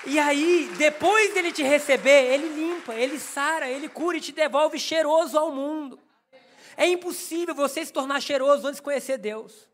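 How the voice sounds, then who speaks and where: A man's voice: extremely high pitch, moderate pace, fairly bright tone. A man with a Brazilian Portuguese accent preaching a sermon to his congregation. He tells a personal story with humor and speaks straight to the listeners. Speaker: pastor.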